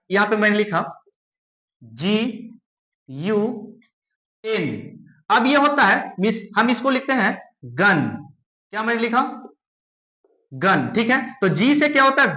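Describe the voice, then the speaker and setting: A man teaching English phonics who slowly repeats each word and asks and answers his own questions. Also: extremely high pitch, sharp tone, roomy sound, rough recording. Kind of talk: classroom-style phonics lesson.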